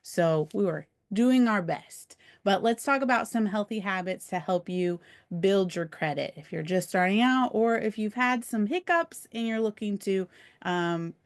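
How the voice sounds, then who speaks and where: A woman's voice: mid-range voice, lively intonation, a little slow. A woman presenting an online webinar over a computer mic, explaining steadily with the odd filler.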